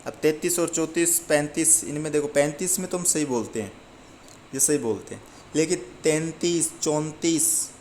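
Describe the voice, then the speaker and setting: A man's voice: a little high, moderate pace, a little mellow, slight background noise. A man teaching a Hindi grammar lesson to exam students, explaining step by step, asking and answering his own questions and reading out lists of number words.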